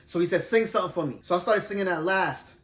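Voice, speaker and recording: A middle-aged man telling his singing story in a loose, animated, conversational way, teaching as he goes. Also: high voice, fast. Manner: animated, self-described shy introvert, loose and conversational. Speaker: vlogger sharing singing tips. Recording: roomy echo.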